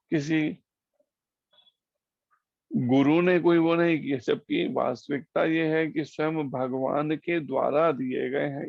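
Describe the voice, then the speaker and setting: A man giving a slow, explanatory devotional scripture class over an online call, using homely examples. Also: a little high, vocal fry, a little mellow, no echo, dull audio. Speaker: preacher.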